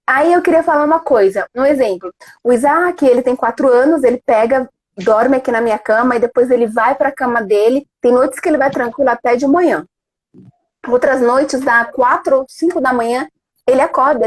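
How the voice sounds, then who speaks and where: A woman hosting a casual conversation, telling stories in an animated way. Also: high-pitched, normal speed, breathy edge, rough recording. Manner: animated, storytelling, acts out quotes. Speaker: host.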